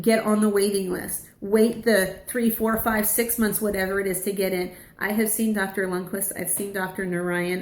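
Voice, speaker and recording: A woman giving an earnest, heartfelt personal testimony to an audience as a patient, close to tears at times. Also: medium pitch. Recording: roomy echo.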